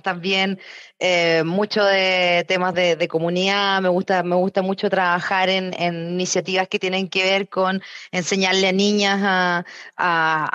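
A chatty woman with a Chilean accent, talking quickly and casually about her work as an interview guest. Her voice comes through a slightly dull, muffled recording with no room echo at all. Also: medium pitch, fairly bright tone. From southern Chile. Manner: chatty, quick, frequent eh fillers. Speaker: engineering director guest.

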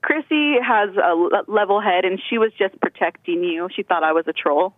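A woman from California calls in to a show, chatting and rambling while she giggles over a tinny phone line. Her voice is medium-pitched at normal speed, and the dry recording carries no room sound.

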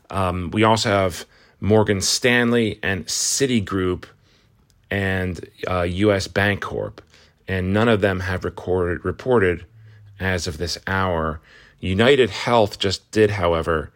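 With a deep voice made slightly hoarse by a cold, a market news host delivers a laid-back morning rundown. His delivery is conversational, marked by frequent restarts and filler words.

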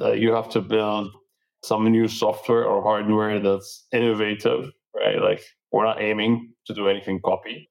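A man's voice: on the low side, vocal fry, low-quality recording. A young man from Dubai, a startup founder, casually telling his story in an interview, loose and full of fillers. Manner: relaxed, with many fillers like "like" and "you know".

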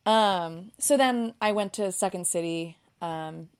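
A woman's voice: fairly low pitch, slow, clean tone. A woman in her thirties talking candidly as a podcast guest, with lots of fillers and self-deprecating asides. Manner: candid and self-deprecating, many ums and likes. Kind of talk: casual conversation.

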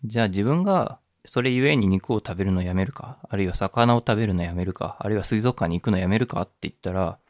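A man's voice: fairly low pitch, fast talker, few pauses, darkish tone, dry recording, clean studio sound. A man hosting a solo podcast, musing in a reflective way, with many fillers and restarts. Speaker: podcast host. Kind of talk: casual solo podcast talk.

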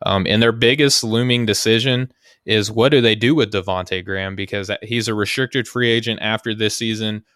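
Flat, clear-voiced male podcast host. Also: fairly low pitch, normal speed, no room sound, studio quality. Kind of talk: casual sports talk.

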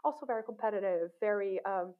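A woman's voice: medium pitch, fast talker. A woman researcher being interviewed, talking thoughtfully with frequent restarts. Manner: thoughtful, with many restarts and fillers. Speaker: guest, cognitive science researcher. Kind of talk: casual interview talk. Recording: tinny phone-like call audio.

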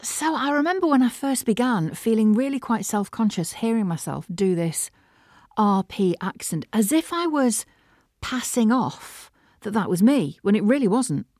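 A middle-aged woman with a Mancunian accent, hosting a casual solo podcast from her studio, chatty and animated. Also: on the high side, normal speed, dry recording. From Manchester, England. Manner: chatty and animated, laughs often. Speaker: podcast host and voiceover artist. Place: home studio.

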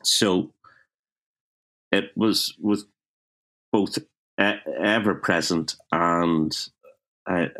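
A low-pitched man in his fifties from Northern Ireland, with a Belfast accent, speaks in a casual interview. He's a writer telling wry, self-mocking stories about his childhood, and he often restarts his sentences.

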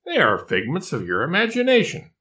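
An older man voicing a mischievous female bearded dragon who keeps a falsely calm, concerned tone in a storybook. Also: on the high side, brisk, voice pushed up, full character voice. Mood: mock concern. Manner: feigned calm, teasing, deadpan concern.

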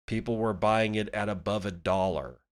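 Low-voiced, irreverent man hosting a podcast. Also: moderate pace. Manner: irreverent, blunt, sweary. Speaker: podcast host. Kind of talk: casual solo podcast commentary.

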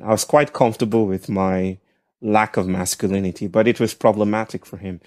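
A man from Nigeria with a nasal voice, speaking as a podcast guest in a thoughtful, halting way. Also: low voice, no room sound, clean studio sound. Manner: thoughtful, halting, with soft laughs. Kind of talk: reflective conversational storytelling.

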